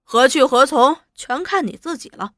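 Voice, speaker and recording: A smooth-talking male official coaxes in an oily, persuasive voice, as a woman reads him in an audiobook. The tone is bright and animated, recorded dry and close. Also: high voice, normal speed, no room sound. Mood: coaxing. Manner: coaxing, persuasive.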